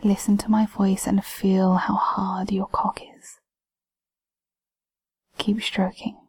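A woman who whispers the whole way through, airy and breathy, with a dark, mellow tone. She speaks very slowly and evenly, with barely any rise or fall, giving calm, commanding instructions. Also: mid-range voice. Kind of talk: whispered intimate audio roleplay.

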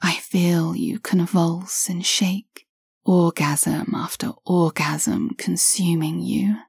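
A woman narrating an audio story to the listener in a soft, slow, intimate whisper. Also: on the low side, fairly even intonation, gravelly, breathy edge, no echo, clean studio sound.

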